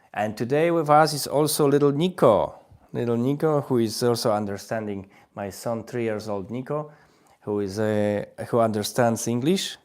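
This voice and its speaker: Hosting a live webinar for language learners, this thirtysomething man with a Polish accent repeats phrases and nudges his audience to leave comments. He speaks in a mid-range voice with a slightly mellow quality.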